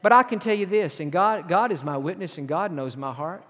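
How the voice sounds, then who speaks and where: A man's voice: sits high, fairly quick, fairly bright tone. A man preaching a sermon as pastor, earnest and repeating phrases for emphasis. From southern United States. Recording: long hall reverb.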